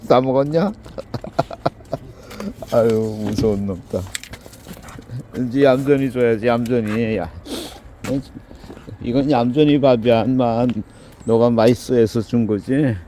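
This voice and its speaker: A man talks casually outdoors in the dark hours before dawn. His voice sits in a middling range, and he moves between plain commentary, gruff scolding and cooing. Faint traffic hums in the background. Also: mid-range voice, fairly even intonation, slow pace, pauses often. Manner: chatty, scolds and coos at animals in turn. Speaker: video host. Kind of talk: casual running commentary while filming outdoors.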